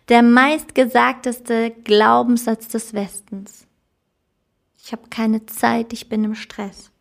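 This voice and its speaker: A woman speaks as a life coach in a motivational self-help monologue. Her voice sits a little high, and she talks earnestly and with emphasis. She laughs at her own slips.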